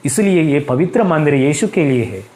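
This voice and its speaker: A man's voice: fairly high pitch, lively intonation, moderate pace, darkish tone. A male pastor preaching a fervent sermon in a church, breaking in with hallelujah again and again. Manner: fervent, repeats hallelujah constantly.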